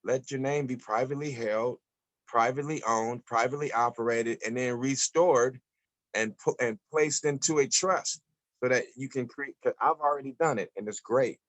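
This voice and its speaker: Man, mid pitch, emphatic and preachy, talks over a group call. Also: normal speed. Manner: emphatic, preachy, repeats phrases.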